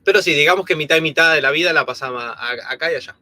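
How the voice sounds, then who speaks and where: This co-host of a live stream is an Argentine man in his thirties, his accent worn down by long residence in Spain. He chats loosely, restarting often and filling gaps, in a rather high voice at a fast clip.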